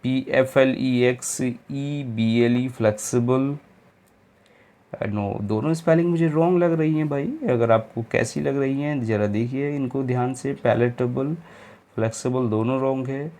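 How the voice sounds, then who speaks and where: A man's voice: mid-range voice, a little slow, mellow. A man teaching English spelling for exam preparation, spelling each word out letter by letter with informal asides. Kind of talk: exam-prep spelling lecture.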